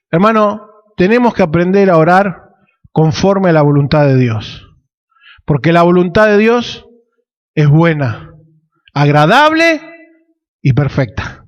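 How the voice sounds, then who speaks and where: Argentine male preacher, high voice, long hall echo, peppers the sermon with questions and amens. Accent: Argentine Spanish. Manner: asks the congregation rhetorical questions, frequent "amén".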